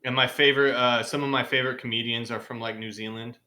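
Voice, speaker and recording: A man's voice: medium pitch, fairly even intonation, fast talker, sharp tone. A young man co-hosting a gaming podcast in casual chat, laid-back, saying "dude" and laughing often. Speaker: podcast co-host.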